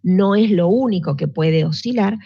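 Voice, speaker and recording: A woman's voice: lowish voice, moderate pace, gravelly, slightly rough, dry recording. A woman teaching physics in an online class, explaining patiently and checking in with her students. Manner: patient, explanatory, with frequent restarts and check-ins. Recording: dull lo-fi sound.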